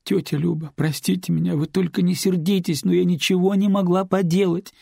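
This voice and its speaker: A frightened, tearful teenage girl pours out rushed apologies and pleas, as a male narrator raises his husky voice high for her. The recording is close and dry. Her words tumble out with pleading urgency. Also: level tone, mellow, no room sound, heavily acted. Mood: pleading, upset.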